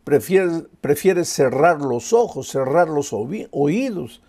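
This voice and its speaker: A man's voice: on the high side, expressive, takes it slowly, darkish tone. A male pastor preaching a sermon with passion, using rhetorical questions and repetition.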